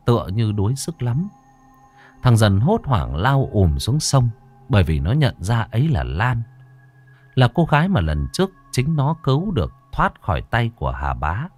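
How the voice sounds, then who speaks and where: A man tells a ghost story in a low, dramatic voice. His pitch rises and dips with lively expression. Faint music sits quietly beneath him. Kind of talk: scripted horror narration.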